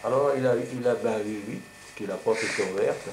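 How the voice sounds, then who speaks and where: Speaking a little fast in a medium-pitched grandpa voice, an old man of 70 or more rambles through colloquial stories from his past. The casual reminiscing takes place in a living room at home. It's recorded on a camcorder mic across the table, so the sound is roomy and noisy.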